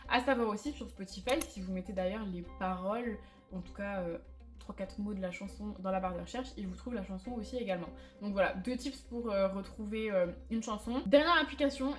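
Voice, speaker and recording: Young woman vlogger, chatty and candid, mid-pitched voice, faint music underneath. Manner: chatty, candid, self-mocking, many fillers. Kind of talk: casual chat to camera. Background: faint background music.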